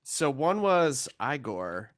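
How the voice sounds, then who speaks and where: A man's voice: medium pitch, sing-song, slow, no echo, studio quality. A man co-hosting a casual podcast who makes brief, laid-back remarks and laughs easily. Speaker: podcast co-host.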